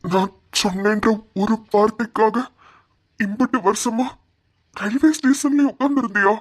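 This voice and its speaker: Husky woman in a lilt. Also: fairly high pitch, steady tone, a little slow. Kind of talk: cartoon voice acting.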